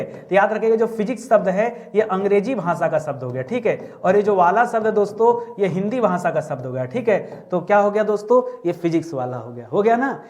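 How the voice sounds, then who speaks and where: A man teaching a Hindi grammar class online, lively and joking, drilling words by repetition. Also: high-pitched.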